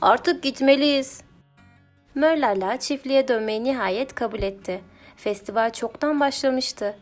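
A woman's voice: on the high side, a little mellow. Woman narrating a children's storybook.

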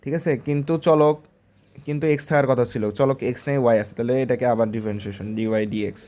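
A man's voice: mid-range voice, fairly even intonation, racing, a little mellow. A male math tutor walking through exam problems step by step, talking in a conversational way and often asking the student short checking questions.

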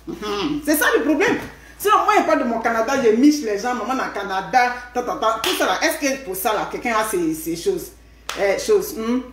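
A woman's voice: a little high, moderate pace, background noise. A middle-aged woman with an Ivorian French accent, hosting a casual live stream from home and often tagging her sentences with a questioning "hmm?". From Ivory Coast. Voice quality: lively, punctuated by questioning "hmm?". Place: home room. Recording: echoey room.

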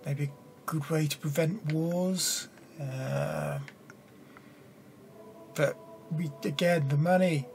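A young man casually commentating as he plays a game, reading its text aloud and thinking out loud hesitantly. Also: fairly high pitch, fairly even intonation, slow pace, long pauses, a little hiss or hum. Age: young adult. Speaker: gamer playing and commenting on a card game. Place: small room indoors at a desk. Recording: game music behind the voice. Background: game music.

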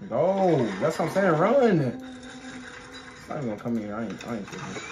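A young man doing scared horror game commentary, excitable and easily startled, as a streamer. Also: mid-range voice, a little fast. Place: small indoor room at home. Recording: noisy room, clear background noise.

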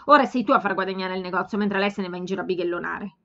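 A blunt, outspoken young woman presses her point with forceful insistence, as a woman reader puts her on. Her voice sits at an ordinary mid pitch. The home recording sounds slightly dull. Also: racing, lightly acted. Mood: insistent.

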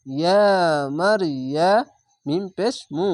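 A man teaching how to read scripture, spelling it out syllable by syllable in a patient, drawn-out way and repeating the rules. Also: sits high, expressive, no echo. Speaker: Quran reading teacher. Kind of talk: spelling-out recitation lesson.

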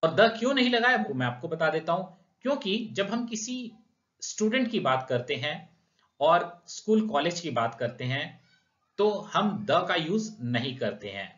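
A man with an Indian accent teaching English grammar in Hindi, calling viewers friends, asking and answering his own questions and reading example sentences slowly. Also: a little high, very animated, fairly bright tone. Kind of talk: grammar lesson explaining rules with examples. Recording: echoey room, dull lo-fi sound.

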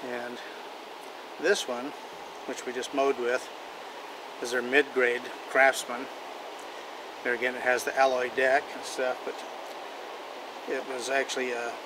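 Older male hobbyist host, folksy and rambling, flat even delivery, recorded outdoors on a distant camera mic with a steady hum behind. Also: mid-range voice. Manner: rambling, folksy, restarts sentences often. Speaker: vintage equipment collector and channel host. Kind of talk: casual show-and-tell talk. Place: outdoors in an overgrown backyard. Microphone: camera mic from several feet away.

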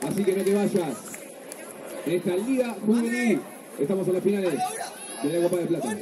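A man's voice: sits high, expressive, a little fast. A man giving live football match commentary as the commentator. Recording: noisy outdoor stadium with crowd. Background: crowd and outdoor stadium noise.

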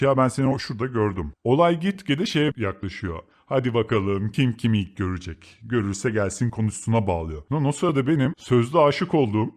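Young man, from Turkey, podcast host, casual confessional storytelling, blunt and slangy, mid-pitched voice. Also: darkish tone. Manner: blunt, slangy, swears freely.

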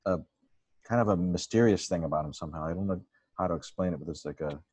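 Enthusiastic lower-voiced man on a video call. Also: fast, a little mellow, husky. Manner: enthusiastic, effusive, searching for words. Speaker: host interviewing a photographer. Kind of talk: casual video call chat.

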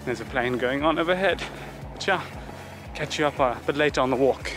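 A man's voice: medium pitch, a little fast, music in the background. A young man in his twenties with a South African accent, chatting upbeat to a handheld camera while walking outdoors on trails and a beach. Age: 20s. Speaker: travel vlogger. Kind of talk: casual travel vlog. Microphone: camera held at arm's length.

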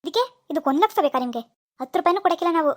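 Cartoon: woman doing a high-pitched, rapid-fire, impatient shopkeeper who scolds. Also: animated. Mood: scolding. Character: irritable male pawnbroker, bossy and scornful. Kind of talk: animated cartoon dialogue.

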